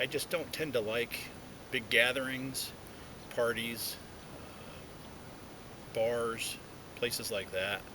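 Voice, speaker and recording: A pipe-smoking video blogger sits inside a hollow tree outdoors, chatting casually and reflectively to his viewers on his own. He talks haltingly around the pipe in his mouth. The recording is noisy, with a low rumble underneath.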